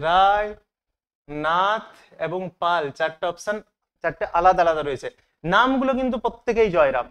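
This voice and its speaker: A male teacher with a fairly high voice works through an exam paper, question by question. He asks the class each question and answers it himself a moment later. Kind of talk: online exam-prep lesson.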